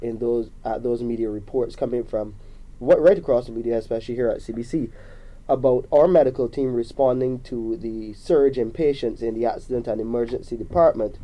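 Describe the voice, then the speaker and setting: A man's voice: medium pitch, brisk, warm tone, rough recording. Upbeat man hosting radio. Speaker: radio show host. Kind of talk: radio talk show hosting.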